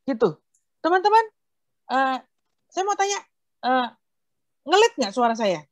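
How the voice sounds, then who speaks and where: A young woman giving a casual online sermon to a youth group over a video call, telling the story in a lively way and acting out the dialogue. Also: sits high, unhurried, no room sound, clean studio sound. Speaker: youth fellowship speaker.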